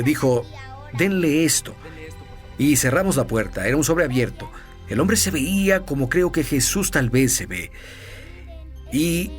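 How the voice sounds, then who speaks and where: Earnest man telling a testimony. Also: medium pitch. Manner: storytelling, earnest, laughs while telling. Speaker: evangelist guest. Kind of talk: testimony in a TV interview.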